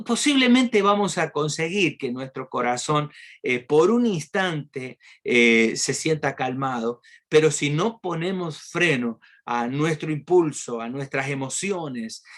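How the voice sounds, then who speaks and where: A man preaching a devotional sermon in a reflective, halting way, with many hesitations. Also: a little high, lively intonation, a bit bright.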